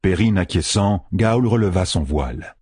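A man narrating an audiobook in an expressive storytelling manner. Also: sits low, moderate pace, husky, no echo, studio quality. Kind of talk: scripted narration.

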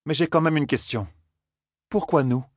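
Brief: curt, proud young woman, voiced by a man, lightly raised pitch, husky storybook narration. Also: normal speed, dry recording, clean studio sound, close to an everyday voice. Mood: blunt. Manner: blunt, curt. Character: blunt proud young woman, former village healer.

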